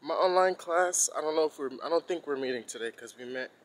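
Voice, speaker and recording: A young man, a college student, talks fast in a fairly high pitch while walking outdoors on campus, speaking into his phone. The audio is poor, and his manner is relaxed, loose and conversational.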